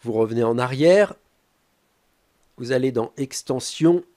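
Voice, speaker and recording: Mellow-voiced man with hesitant fillers. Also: mid-range voice. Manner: calm, hesitant, frequent filler pauses. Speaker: tech tutorial presenter. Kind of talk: step-by-step tutorial narration.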